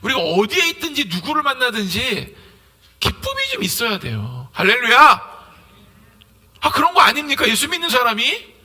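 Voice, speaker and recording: Animated, bright-voiced male preacher. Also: very high voice, brisk. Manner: lively preaching, acting out conversations. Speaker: pastor. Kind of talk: sermon.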